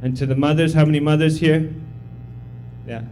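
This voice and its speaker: A visiting missionary in his thirties, raised in Tanzania, gives a humble, casual, encouraging sermon packed with fillers inside a church sanctuary. His voice is a little high and a little mellow, steady in tone at normal speed, on a rough recording with slight background noise.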